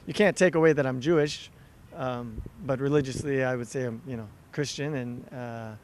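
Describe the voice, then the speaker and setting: A man's voice: medium pitch, moderate pace, a little mellow. A man from Los Angeles, a soccer player, chatting casually and laughing often in an outdoor interview. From Los Angeles, California. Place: outdoors by a river.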